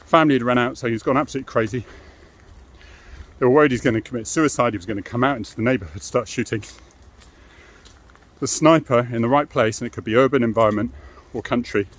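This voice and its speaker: With a mid-range voice and a quick pace, a middle-aged British man who used to be a police officer explains things in an informal monologue. He's frank and matter-of-fact and keeps adding tag questions.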